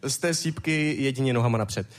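A man playing a brisk, matter-of-fact doctor, in an improvised comedy sketch. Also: mid-range voice, lightly acted. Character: brisk, dismissive male doctor.

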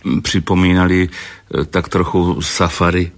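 A man with a very low voice co-narrates a history documentary. He adds explanatory remarks in a conversational tone. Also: level tone.

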